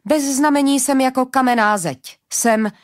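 A woman reading an audiobook, voicing an enchanted door that answers questions plainly and haltingly. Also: high voice, voice pushed up, lightly acted. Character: literal-minded talking enchanted door.

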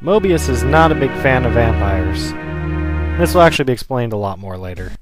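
A man's voice: mid-range voice, animated, a little fast. A man giving casual, wry, explanatory commentary as he plays a video game. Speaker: let's play host. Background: loud game music.

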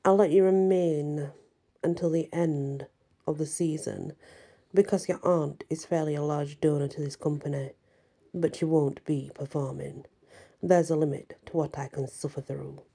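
A woman voicing a cold, disdainful older male ballet master in a soft ASMR story, with clipped, stern delivery. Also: deep voice, steady tone, moderate pace, vocal fry. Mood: threatening.

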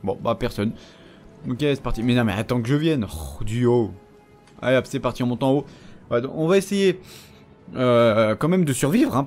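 Guy talking over his game, keeps taunting the monsters, normal pitch, bit of music underneath. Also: a little mellow. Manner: chatty, taunts enemies, frequent fillers. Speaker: gameplay commentator. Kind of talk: casual let's-play commentary.

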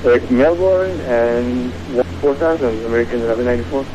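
A man's voice: mid-range voice, fairly quick. A man on a pilot's headset radio link, giving clipped readbacks to a controller. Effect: pilot's voice over a headset radio link. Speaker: airline pilot on simulator radio. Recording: muffled radio with loud background hiss.

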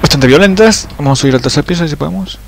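Guy doing a let's play of a horror game, yells and curses a lot, throws in english swears, faint hiss in the background. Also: a little high, rapid-fire, creaky. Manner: excitable, swears loudly at the game; drops English exclamations into his talk.

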